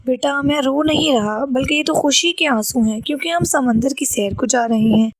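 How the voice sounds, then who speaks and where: A woman's voice: sits high, dry recording. A woman voicing a tearful, grieving father who speaks soothingly to his child. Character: tearful grieving father, middle-aged man.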